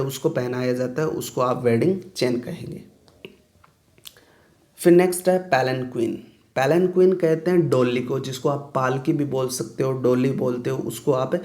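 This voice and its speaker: A young man teaches English vocabulary, word by word. His voice sits at a middle pitch, and he often stops to check with a short "clear?" before moving on. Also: darkish tone. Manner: explains each word, then asks "clear?". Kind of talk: vocabulary lesson.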